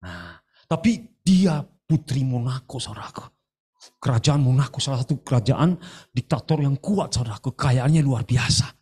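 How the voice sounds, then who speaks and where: A man preaching a sermon in animated style, often calling out to the congregation. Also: medium pitch, normal speed, slightly rough. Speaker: pastor. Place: church service streamed live.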